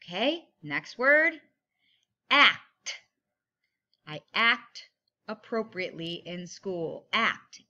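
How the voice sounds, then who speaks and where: A woman's voice: mid-range voice, sing-song, slow pace, sharp tone, dull audio. A woman with a kindergarten teacher's manner, giving simple step-by-step instructions to young children and stressing key words.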